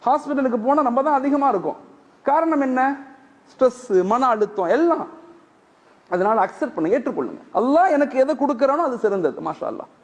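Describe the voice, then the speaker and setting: A man's voice: very high voice, sing-song, fairly quick. A man preaching a sermon, telling a story with acted-out dialogue and repeating lines for emphasis. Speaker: Islamic preacher.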